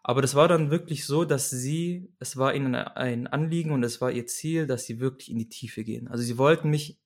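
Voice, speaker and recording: A young man in an interview talking candidly about his own life. His delivery is earnest and searching, with frequent restarts and repetitions as he works his way toward what he means. His voice sits at a middle pitch. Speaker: guest. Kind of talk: candid personal storytelling.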